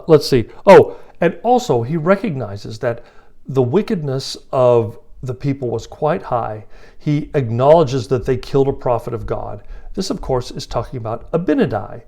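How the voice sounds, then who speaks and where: A man's voice: medium pitch, a little mellow. Chatty man retelling scripture casually. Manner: chatty, paraphrases with playful voices. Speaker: scripture teacher.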